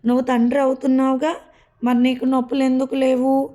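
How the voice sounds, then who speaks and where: A woman's voice: sits high, monotone, a little fast, dark tone, lightly acted. Woman voicing frightened young wife in labour. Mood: petulant.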